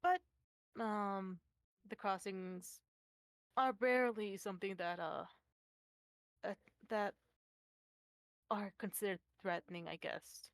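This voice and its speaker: A woman's voice: mid-range voice, fairly even intonation, slow, pauses often, no echo. A woman voicing a prim, determined young noble girl in a tabletop game, formal and insistent.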